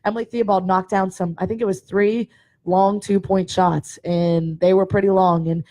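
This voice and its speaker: A woman in her twenties, a basketball coach answering interview questions in an upbeat, energetic way on a handheld mic. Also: medium pitch, normal speed. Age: 20s. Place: indoor studio set with banner backdrop.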